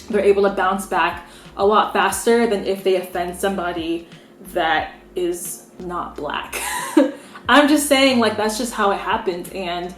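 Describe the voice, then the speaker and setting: A young American woman giving her frank, opinionated take as a beauty vlogger, chatting casually with lots of "like"s. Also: mid-range voice. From United States. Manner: frank, opinionated, conversational with many "like"s. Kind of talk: candid opinion vlog. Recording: roomy echo.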